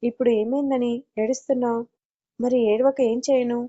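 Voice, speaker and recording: A grieving young woman pleads through tears in a storybook audio tale, as a female narrator reads her lines. The voice is fairly high but mellow and dark in tone. The audio is dull and lo-fi. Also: fairly even intonation, moderate pace, close to an everyday voice. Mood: tearful. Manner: pleading, tearful questions.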